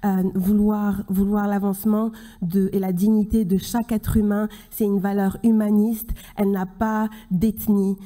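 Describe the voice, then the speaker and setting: A woman's voice: mid-range voice, little pitch movement, dark tone. Earnest woman speaking at a podium. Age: 30s. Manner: earnest, halting with many restarts. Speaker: keynote speaker. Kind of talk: conference speech. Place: large conference hall stage at a podium. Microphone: podium microphone.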